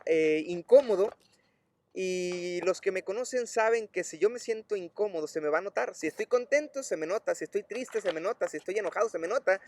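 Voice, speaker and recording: Pastor, high-pitched man, emotive sermon storyteller who voices the people in his story.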